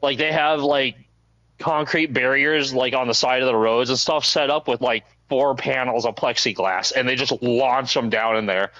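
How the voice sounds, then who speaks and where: Brief: relaxed male streamer, bright tone, rambling chat, lo-fi mic. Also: medium pitch, moderate pace, no echo. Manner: laid-back, rambling, laughs often. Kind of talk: casual chat while gaming.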